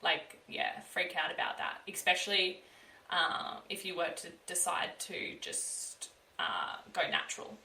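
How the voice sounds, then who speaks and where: Low bright woman, roomy distant mic. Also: fairly even intonation, unhurried. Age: 20s. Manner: chatty, many fillers and restarts. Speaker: podcast co-host. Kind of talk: casual chat.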